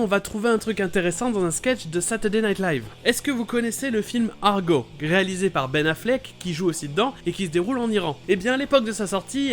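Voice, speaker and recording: A man with a high voice narrates a scripted explainer in a playful, enthusiastic way. He sounds animated and upbeat as he walks through pronunciation points. Faint music plays under his voice. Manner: lively, playful, exclamatory. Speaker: YouTube host explaining English pronunciation.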